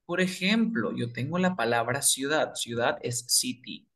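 Slow-spoken man teaching English basics. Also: medium pitch, animated, a bit bright. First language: Spanish. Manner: repeats words slowly, asks and answers his own questions. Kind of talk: explaining grammar to beginners.

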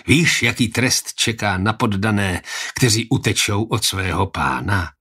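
A calm nobleman speaks with measured, gently reproachful authority, in a male reader's own low voice. His lines sit close to the narration, deliberate and steady, as in a historical storybook. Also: slightly rough.

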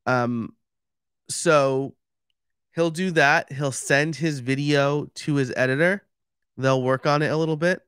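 A man's voice: on the high side, slow pace, fairly bright tone, clear, resonant tone, dry recording, studio quality. A man with a New York accent giving a casual, chatty livestream talk and explaining step by step with many fillers. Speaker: podcast expert giving a live stream talk.

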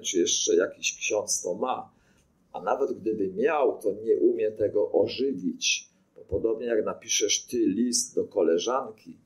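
Speaking into a handheld microphone in a small studio with a brick wall behind him, an older priest gives a casual teaching talk. His voice sits fairly low with a darkish tone, and he mixes in stories and rhetorical questions for his listeners.

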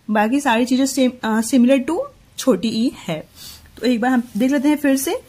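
Husky-voiced woman teaching letter writing. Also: high voice, darkish tone. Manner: slow, step-by-step explaining with Hindi-English code-mixing. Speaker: play school teacher. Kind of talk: handwriting lesson for young children.

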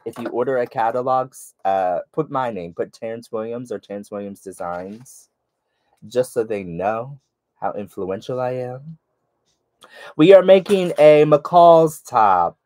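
A man's voice: medium pitch, unhurried, darkish tone. A man with a stuffy nose, chatting casually to viewers while he sews along. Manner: chatty, talks to viewers by name while working. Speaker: sewing vlogger. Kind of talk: casual sew-along chat.

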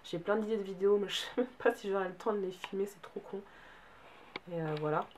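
Young woman, beauty vlogger, casual chat, lowish pitch, tired cold-affected voice, faint background noise. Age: young adult. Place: bedroom, indoors.

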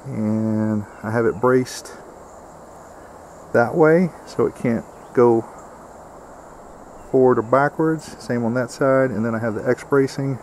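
Here a homesteader speaks slowly and pauses often, his medium-pitched voice a little mellow, as he walks through a build outside. His explanation is casual, plainspoken and step by step, filled with "uh" fillers, and slight background noise is present.

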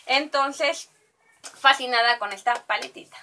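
A woman's voice: high voice, measured pace, pushed and bright. A woman with a Mexican accent chatting through a makeup shopping haul, rambling and talking straight to her viewers. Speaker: beauty vlogger. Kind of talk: casual shopping haul vlog.

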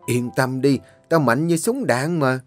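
A man's voice: mid-range voice, a little slow, faint music behind, pitched above the performer's own voice, natural voice. A man voicing an elderly woman, a cheerful, stubborn tea farmer. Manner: breathless, shrieking in panic.

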